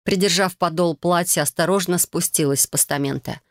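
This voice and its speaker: An audiobook narrator reading a fantasy novel in the first person, with even storytelling. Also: mid-range voice, a little fast, no echo, clean studio sound.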